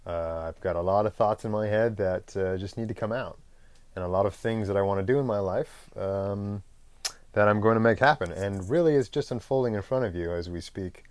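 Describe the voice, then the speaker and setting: A podcast host with a fairly low voice talks through a loose, unscripted monologue, drifting from one thought to the next. He pauses on filler words and clears his throat occasionally. Recorded on a close mic, the sound is dry with no room tone or echo.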